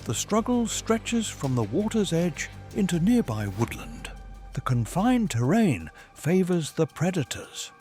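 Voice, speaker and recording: A man reads scripted nature documentary narration in a measured, formal storytelling manner. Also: high-pitched, big pitch swings. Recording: music behind the voice. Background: background music.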